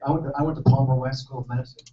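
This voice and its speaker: In a seminar hall, a San Francisco, California chiropractor jokes at his own expense in a laid-back talk and quizzes the audience. His medium-pitched voice stays level while he races along. The audio is echoey and dull, picked up by a distant mic with faint noise.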